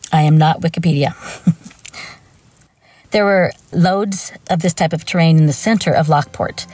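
A woman's voice: lowish voice, darkish tone. A woman hosting a true crime show, reading scripted narration broken up by informal, wry asides. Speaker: true crime podcast host.

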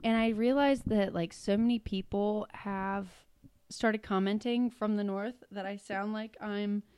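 Speaking a little slowly in a steady, slightly mellow mid-range voice, this thirtysomething podcast co-host from around Cleveland has a Northern Ohio accent. She giggles, swears casually and keeps the chat relaxed, and the clean studio sound is smooth with no echo.

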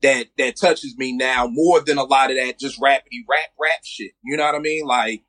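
A man's voice: mid-range voice, steady tone, moderate pace, a bit bright. A man in his forties from Philadelphia, talking bluntly and with plenty of swearing in a casual podcast chat about music. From Philadelphia, USA. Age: 40s. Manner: blunt, profane and emphatic. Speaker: podcast co-host.

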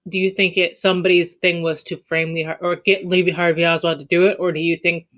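A woman's voice: on the low side, flat delivery, fairly quick, fairly bright tone. A woman debating casually on a podcast in an informal, skeptical way.

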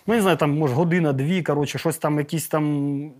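A man with a slightly high, darkish voice speaks fairly quickly in a steady tone. He's a podcast guest telling the host a story in casual slang, acting out sound effects and swearing now and then, which makes the retelling vivid.

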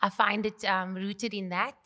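Bright-voiced Cape Town woman. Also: medium pitch, steady tone, unhurried. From South Africa. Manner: reflective, laughs often, searching for words. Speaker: podcast guest. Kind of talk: casual chat.

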